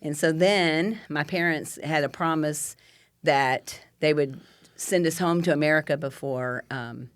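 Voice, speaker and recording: A woman's voice: deep voice, unhurried, clean tone, no room sound. An older woman, the host's mother, telling stories in a casual podcast chat and laughing often. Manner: chatty storyteller, laughs often, many fillers.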